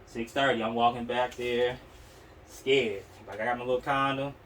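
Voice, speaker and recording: This podcast host is a young Oakland man with a local accent who rambles through candid personal stories, full of slang and profanity. He keeps a steady tone at a moderate pace, his medium voice a bit bright. A distant microphone captures it along with a noisy room.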